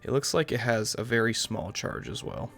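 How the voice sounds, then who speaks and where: A young American man from New York hosts a gaming channel, giving casual let's-play commentary that rambles and keeps qualifying itself. His mid-range voice is animated and a bit bright with vocal fry at a moderate pace, over soft background music.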